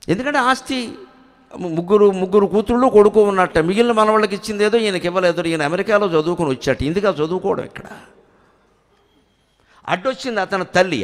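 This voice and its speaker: An older man giving a dramatic religious discourse in a temple hall, sometimes chanting verse in a sung tone. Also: sits high. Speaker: spiritual orator. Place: temple hall before a large crowd. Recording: echoey hall reverb.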